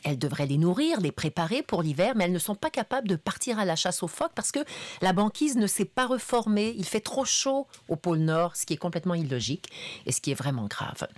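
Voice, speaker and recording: Deep-voiced woman radio journalist. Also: big pitch swings, fairly quick, no echo. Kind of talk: casual studio chat. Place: radio studio.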